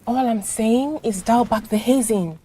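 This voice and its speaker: An actress playing a calm, frank coworker who teases and advises plainly. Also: female voice, on the high side, unhurried, close to an everyday voice. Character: level-headed woman coworker, frank and calming.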